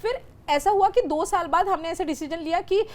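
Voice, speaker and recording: A woman's voice: very high voice, normal speed. A woman whose first language is Marathi, a guest candidly telling stories in a casual chat. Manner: chatty storytelling, candid.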